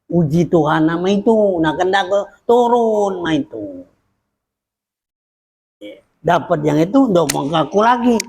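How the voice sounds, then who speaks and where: A man with a Palembang Malay accent gives a sermon as a religious teacher, unhurried, with frequent pauses and fillers. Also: high-pitched, lively intonation, vocal fry, darkish tone. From Indonesia.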